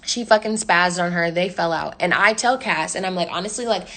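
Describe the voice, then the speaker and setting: A woman's voice: lowish voice, brisk. A young woman telling a story in casual slang, swearing constantly and acting out the people she quotes. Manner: profane, slangy, animated retelling with quoted voices.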